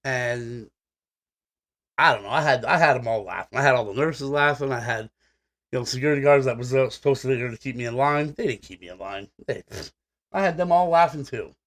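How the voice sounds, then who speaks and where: A man in the middle of the usual pitch range tells a long story in a loose, rambling way. His talk is blunt and full of swearing, with a lot of casual fillers. It is a relaxed podcast chat between two hosts. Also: a little fast. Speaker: podcast co-host.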